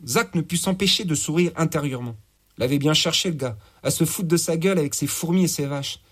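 A man narrating an audiobook in a crude, lively storytelling manner. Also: on the high side, brisk, breathy edge.

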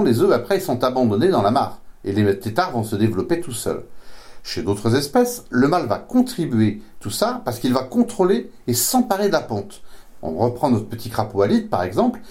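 A man with a slightly mellow, mid-range voice offers an informal science lesson as a biology expert. His delivery is didactic, and he often repeats words while hunting for the next one.

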